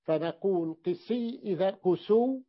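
A man teaching a grammar lesson in a classroom, repeating words slowly and checking that his students follow. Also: high voice. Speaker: teacher of Arabic morphology. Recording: dull lo-fi recording.

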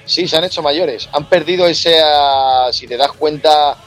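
A man's voice: fairly high pitch, a little slow, fairly bright tone, soft background music. A man in his forties with a Spain Spanish accent, a singer talking as a podcast guest in a frank, colloquial and jokey way. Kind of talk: casual music chat.

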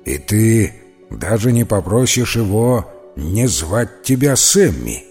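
A man's voice: lowish voice, sing-song, slow, darkish tone, faint music behind, heavily acted. A man voicing a tall, skinny, grumbling schoolboy in a children's storybook. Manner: grumbling, dry. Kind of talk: storybook character voice.

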